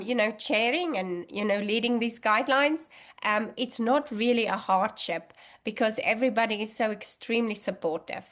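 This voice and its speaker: A middle-aged woman whose first language is Afrikaans speaks in a slightly high, fairly bright voice. She's a guest allergy researcher talking casually in an interview, with many fillers and restarts.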